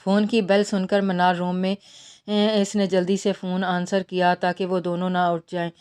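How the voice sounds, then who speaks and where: A woman narrating a romance novel as an audiobook in a steady, measured way. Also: fairly low pitch, clear, resonant tone.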